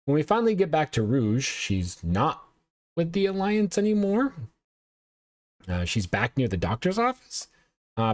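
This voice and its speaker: A man's voice: lowish voice, darkish tone. A male show host casually recapping and reviewing anime episodes, rambling and often correcting himself with lots of uhs.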